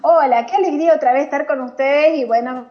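Argentine lady english teacher, high voice, slow and patient, kinda dull lo-fi sound. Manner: patient explaining, frequent laughter. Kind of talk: casual podcast lesson.

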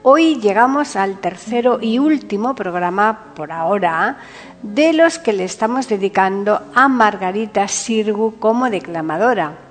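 Slow-paced woman podcast host in long reverb. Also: medium pitch, animated. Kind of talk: scripted narration. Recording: long reverb, music bed.

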